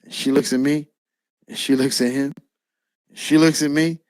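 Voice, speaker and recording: Animated man telling his testimony, dry sound. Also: a little high, normal speed, dry recording. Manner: animated storyteller acting out dialogue, casual with "man". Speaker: preacher sharing his testimony. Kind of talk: spoken personal testimony.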